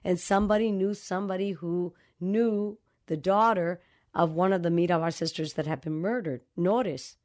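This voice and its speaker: A Dominican novelist gives reflective, storytelling answers in an interview, her voice on the low side, a little mellow, at a moderate pace. She is thoughtful and acts out dialogue she remembers.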